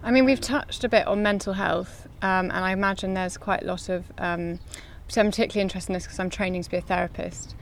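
A young woman hosting a podcast interview, asking gentle, curious questions outdoors. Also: mid-range voice, fairly even intonation, quick pace, hardly any pauses, slight background noise. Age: young adult. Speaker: podcast host. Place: garden outdoors by a pond.

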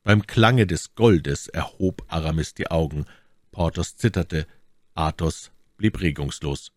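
A man reading a classic novel aloud in a steady, formal narrating manner. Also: deep voice, measured pace, no room sound, studio quality. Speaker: audiobook reader.

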